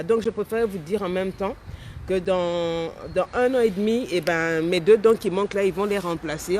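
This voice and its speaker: A woman's voice: mid-range voice, darkish tone, a little hiss or hum. A woman in her forties, a life coach chatting casually on a live stream, talking with a slight lisp from a dental aligner and answering viewers' comments. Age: 40s.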